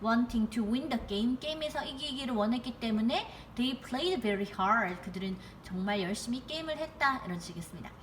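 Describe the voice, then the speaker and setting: A young woman teaches an English grammar lesson in a fairly high voice. She keeps asking her viewers questions and reads each example sentence slowly, with a faint hiss behind her. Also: lively intonation. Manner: coaxing, asks students rhetorical questions. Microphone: computer mic while writing with a mouse.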